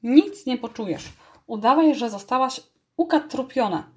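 Gloomy soft-hearted tomcat from a storybook, sighing and glum, as a woman reads him. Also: high voice, expressive, normal speed, husky. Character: gloomy gentle male school cat.

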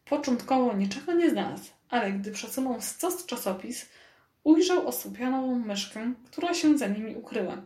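A woman narrating a children's storybook in a lively, expressive reading, recorded with a roomy echo. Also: on the high side, normal speed. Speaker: audiobook narrator.

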